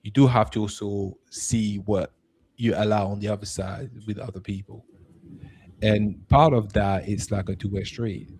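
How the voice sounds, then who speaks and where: A man's voice: lowish voice, fairly even intonation, moderate pace, darkish tone, husky. A man co-hosting a spiritual talk, giving relationship advice with hesitant fillers. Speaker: co-host.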